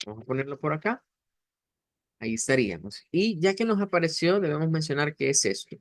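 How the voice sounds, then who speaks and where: A man teaching a beginner language lesson, explaining slowly and patiently, with many fillers and restarts. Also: on the high side, lively intonation, no echo, clean studio sound.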